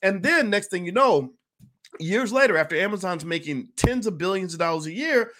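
A man talking to camera as a host in an energetic, emphatic way, repeating key words and clearing his throat now and then. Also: high-pitched, normal speed. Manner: clears throat and coughs between points. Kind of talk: casual talk to camera.

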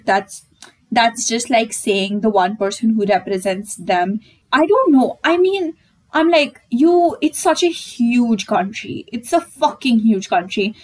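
Husky-voiced young woman chatting candidly. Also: a little high, poor audio. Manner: candid and emphatic, swears freely. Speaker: podcast host. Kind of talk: casual solo podcast chat.

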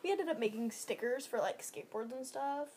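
A woman's voice: on the high side, brisk, over a noisy crowd. A young teenage girl co-hosting a casual podcast, laughing often and teasing her friend while telling stories. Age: young teen. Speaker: podcast co-host. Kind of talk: casual chat.

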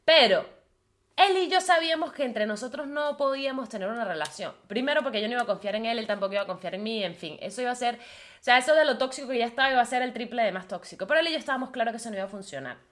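A woman's voice: on the high side, expressive, racing. A young woman with a Venezuelan Spanish accent, hosting a podcast in a blunt, profane, casual confessional monologue full of fillers. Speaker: podcast host.

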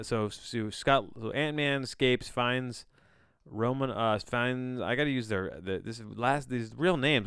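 A podcast host reads a plot synopsis aloud in a casual solo commentary, rambling along with incredulous, sardonic asides and casual swearing. His medium-pitched voice is smooth and fairly bright, and the dry recording is studio quality.

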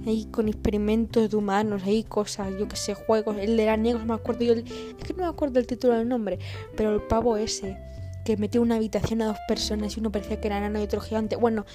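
A woman from Spain with an Andalusian accent, rambling and swearing freely through an improvised solo podcast rant. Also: fairly high pitch. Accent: Andalusian Spanish. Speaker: podcast host. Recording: guitar music playing behind the voice. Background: guitar music.

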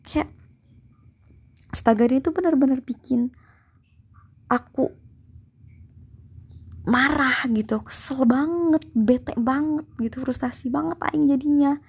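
A woman's voice: high-pitched, slow, pauses often, breathy edge. A young woman tells a story in a casual monologue, heated and exasperated, swearing freely.

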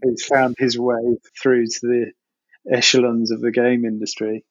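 A middle-aged man with an Essex accent, casually recalling his past as an interview guest in an informal, halting way, thinking aloud. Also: medium pitch, level tone, highs cut off. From Essex, England. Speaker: interview guest, game industry producer. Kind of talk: casual personal recollection.

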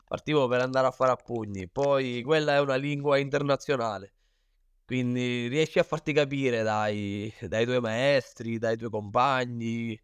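A man's voice: medium pitch, fairly even intonation, measured pace, smooth, no room sound. A man from Sicily with a Sicilian accent, a fighter speaking as an interview guest, telling stories casually in an informal, self-deprecating way. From Sicily, Italy. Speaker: interview guest, professional Muay Thai fighter. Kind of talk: casual first-person storytelling in an interview.

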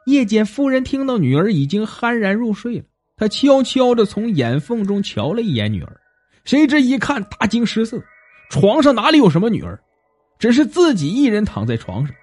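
A man narrating a folk tale in an animated, expressive way. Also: high-pitched, normal speed, faint music behind. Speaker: storyteller.

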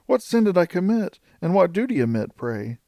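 Male reader voicing a courteous young lady, lifted gravelly voice, dry close sound. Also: high voice, big pitch swings, normal speed, warm tone, dry recording, voice pushed up. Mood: earnest. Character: young woman, gentle and polite.

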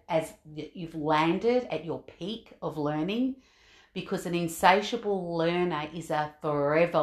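Woman, motivational podcast host, earnest and encouraging, fairly low voice, roomy echo. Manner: earnest, encouraging, repeats key phrases. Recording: echoey room.

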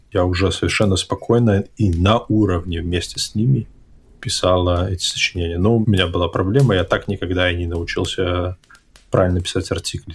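A podcast host with a low, husky voice talks at an unhurried pace in a casual conversational interview. He comes across as hesitant and reflective, often correcting himself. The setting is abroad, in an English-speaking country.

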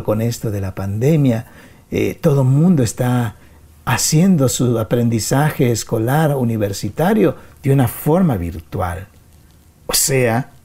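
Man presenting over a video call, mellow tone, explains and asks rhetorical questions. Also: medium pitch, husky. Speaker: workshop presenter.

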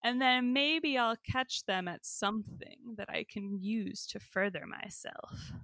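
A woman's voice: on the high side, slow, bright, forceful tone, dry recording, clean studio sound. Joking woman podcast co-host. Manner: joking, self-deprecating asides. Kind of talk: casual chat.

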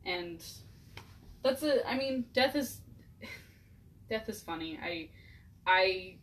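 A woman's voice: medium pitch, expressive, slow pace. A woman in casual chat, talking bluntly with heavy swearing.

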